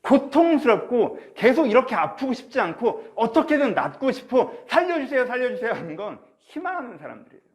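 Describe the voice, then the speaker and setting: A male pastor preaches a sermon online to his congregation through a face mask that slightly muffles him. His voice is extremely high and darkish in tone, very animated, a little fast, with few pauses. He addresses listeners directly with questions and acts out inner thoughts.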